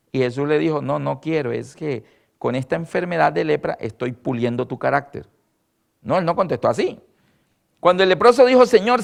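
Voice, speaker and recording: High gravelly male preacher. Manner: animated, acts out quoted voices. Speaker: lecturer on prophecy. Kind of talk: sermon.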